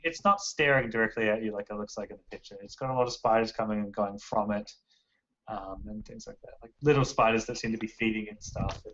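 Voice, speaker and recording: A man's voice: on the low side, fast talker, a bit bright. Man as game master, loose rambling narration with many fillers, muffled lo-fi recording.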